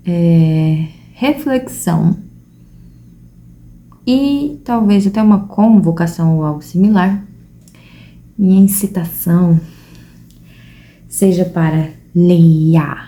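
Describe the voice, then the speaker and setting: A woman's voice: medium pitch, dark tone. A young Brazilian woman with a Brazilian Portuguese accent, talking earnestly and casually to her viewers at home, seated at a table. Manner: earnest, conversational, addresses viewers directly. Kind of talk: casual reflective talk to camera.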